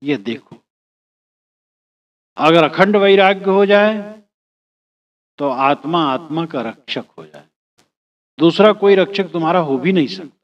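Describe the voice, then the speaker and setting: A man's voice: on the high side, expressive, unhurried, pauses often, highs cut off. A man giving a religious discourse, reciting verses and explaining them phrase by phrase in an earnest, exhorting way. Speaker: spiritual teacher.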